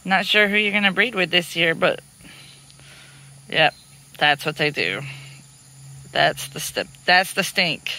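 This homestead vlogger speaks on the low side, at a measured pace with frequent pauses, her voice pushed and bright. She films her animals in the pens and pasture, narrating casually while doing chores, laughing often and talking sweetly to them.

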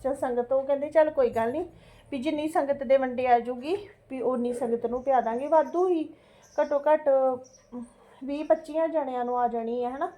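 A woman's voice: high-pitched, brisk, warm tone. A middle-aged woman with a Punjabi accent, chatting casually as a home vlogger in a fretful, exclamatory way, repeating herself and checking for agreement. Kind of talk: casual chatty storytelling to viewers.

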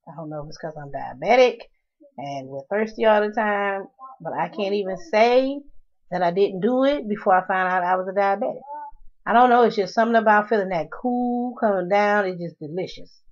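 A woman's voice: mid-range voice, normal speed, darkish tone. A middle-aged woman vlogging casually to camera, frank and chatty, grumbling and laughing as she talks. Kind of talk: casual vlog talk to camera. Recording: dull lo-fi home video sound.

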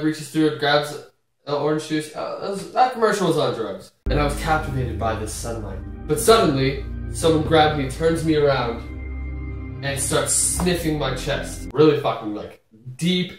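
A young man with a slightly high voice tells stories to camera in a mock-mystical, deadpan way, leaving dramatic pauses. He sounds a little far from the mic in a very echoey small room, with faint music behind him. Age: 20s. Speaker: host of a comedic dream diary video series. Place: small indoor room at home.

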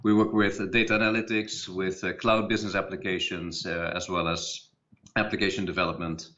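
A man's voice: low-pitched, flat delivery, a little fast, pushed and bright. A middle-aged man from the Netherlands, a guest company head introducing himself on a video call from an office, friendly and hesitant with many fillers. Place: office with a chair behind. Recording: dull video call audio.

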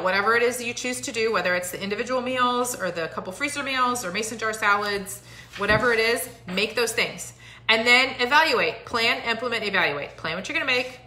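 Bright-voiced woman hosting a live stream. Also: mid-range voice, reverberant. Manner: encouraging, chatty, many fillers. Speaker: host. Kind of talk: casual live-stream talk. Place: home living room, indoors. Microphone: phone at arm's length.

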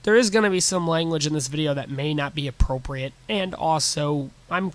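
A man's voice: fairly high pitch, brisk. A young man with a nasal, stuffed-up voice from a sinus infection, giving a blunt, casual car review with some swearing.

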